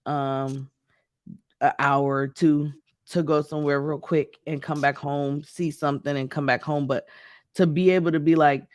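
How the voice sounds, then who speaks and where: A young man from the Midwest with a somewhat high voice, chatty and excitable as he tells stories. The sound is dry and close, with no room in it. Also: moderate pace, dry recording. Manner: chatty and excitable, with animated storytelling. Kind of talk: casual chat.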